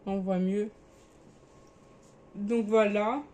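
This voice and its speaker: A woman's voice: medium pitch, steady tone, extremely slow, mellow, a little hiss or hum. A young woman casually showing her clothes in a vlog, chatty and sometimes hesitant as she searches for words. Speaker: vlogger.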